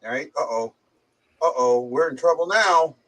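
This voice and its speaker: A man's voice: a little high, expressive, moderate pace, bright, forceful tone. A man hosting a casual livestream chat, his voice muffled as if on speakerphone, with a slight head cold, rambling and stumbling over his words. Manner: rambling, hesitant, stumbling repeats. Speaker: livestream host. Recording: distant muffled mic.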